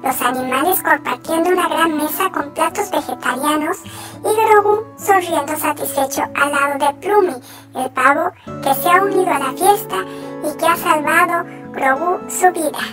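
Very high childlike storybook narrator. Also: moderate pace, far from the mic. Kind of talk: scripted children's bedtime storytelling. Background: music.

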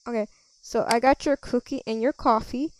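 A woman role-playing a cafe server in a game, chatting with customers and thinking out loud with lots of ums. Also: on the high side, moderate pace, a little hiss or hum. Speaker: player running a cafe. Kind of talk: casual game role-play.

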